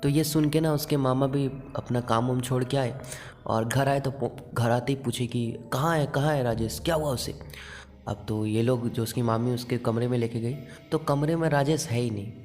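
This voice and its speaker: A man with an ordinary mid-range voice tells a horror story in a loose, chatty way, pausing on fillers as he goes. Faint music runs quietly underneath his narration. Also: medium pitch, steady tone. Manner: conversational, with fillers. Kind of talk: casual storytelling.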